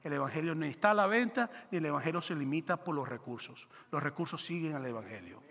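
A man preaching a sermon as pastor, animated and joking, acting out quick voices for biblical characters. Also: on the high side, big-room sound.

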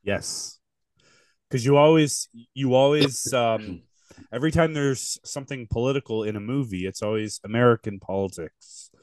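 A man hosting a casual political podcast, speaking haltingly and repeating words as he searches for them. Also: medium pitch, no echo. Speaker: podcast host.

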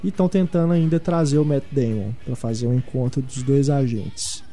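Man, mellow, casual host chat, light music behind. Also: mid-range voice, steady tone, moderate pace. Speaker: podcast host. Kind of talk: casual film news chat.

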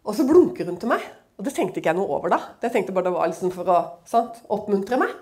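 A woman's voice: mid-range voice, very animated, dark tone. A woman speaking at a church, telling a personal testimony as a dramatic, chatty story full of conversational fillers.

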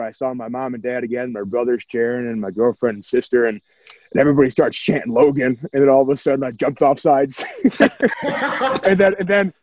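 A man's voice: medium pitch, dark tone, no room sound, highs cut off. Rambling young man recalling his games. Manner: rambling, many restarts and repeated words. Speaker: guest, former walk-on football player. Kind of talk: casual interview recollection.

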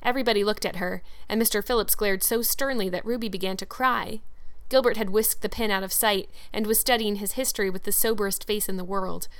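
A woman narrating a classic storybook in an expressive, measured reading. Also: medium pitch. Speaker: audiobook narrator.

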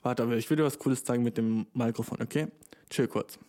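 A man's voice: medium pitch, fast talker. A man in his twenties chatting casually and at length, full of slang and swearing, and he keeps calling the listener dude. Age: 20s. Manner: slangy, profane and rambling; excitable, addresses listener as dude. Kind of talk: casual solo chat.

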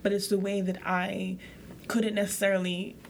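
A woman's voice: medium pitch, flat delivery, moderate pace, vocal fry, slight background noise. A young woman from Haiti co-hosting a podcast, talking openly and reflectively in casual chat with many fillers. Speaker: podcast co-host.

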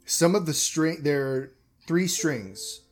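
A male game master narrating a tabletop game at an unhurried, drawn-out pace. He meanders and corrects himself mid-sentence, with faint guitar music playing behind him. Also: on the high side, expressive. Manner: slow, meandering, self-correcting.

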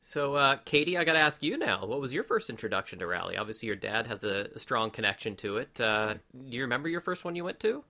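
Bright, lively male podcast host. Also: mid-range voice, quick pace, few pauses. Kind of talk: interview questions.

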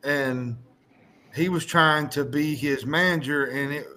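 Rambling man with a high voice. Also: takes it slowly, bright, forceful tone. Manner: laughing, rambling storyteller. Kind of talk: casual banter.

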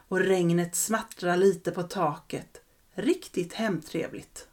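Calm Swedish woman telling a story. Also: lowish voice. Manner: calm, reflective narration. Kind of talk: first-person storytelling.

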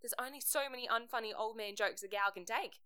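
A woman voicing a flustered young radio co-host with a crush, giggly and quick to get rattled. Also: a little high, pushed and bright, clean tone, no room sound, clean studio sound.

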